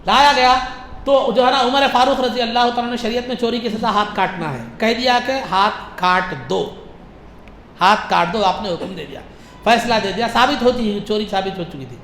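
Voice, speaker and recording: Impassioned preacher, bright and echoey. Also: male voice, high-pitched, a little hiss or hum. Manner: impassioned, repeats phrases and rises into shouts. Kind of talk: sermon.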